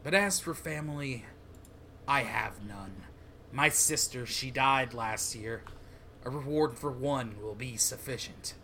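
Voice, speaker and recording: A man voicing a grim, stoic male soldier-assassin in a manga read-along, with stiff, solemn, measured delivery. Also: mid-range voice, bright, forceful tone, slight background noise.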